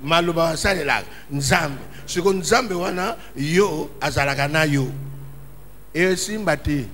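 Impassioned preacher, high bright voice. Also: male voice, a little slow, slight background noise. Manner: impassioned, calling out in emphatic bursts. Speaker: pastor. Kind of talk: sermon. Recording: reverberant hall with faint ambience.

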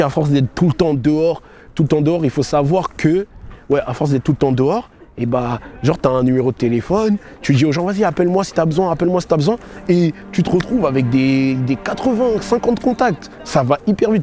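A young man with ties to the Paris area of France and to London, England, casually recounts his own life to camera, full of slang and check-in tags. He talks fast with a fairly high, warm voice and lively intonation, while faint music plays behind him.

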